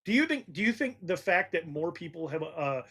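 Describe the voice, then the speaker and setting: A man's voice: a little high, big pitch swings, fairly quick, sharp tone, slightly rough. A man hosting a college football podcast, arguing his point in an emphatic, casual debate. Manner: argumentative, emphatic. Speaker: podcast host.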